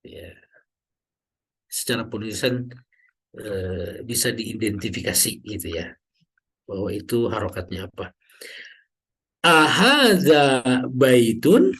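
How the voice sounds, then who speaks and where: A man teaching Arabic grammar in an online class, explaining slowly and drawing out example words, often checking in with "ya". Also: fairly low pitch, steady tone, husky. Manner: slow, drawn-out teacher's explanation with frequent "ya" checks.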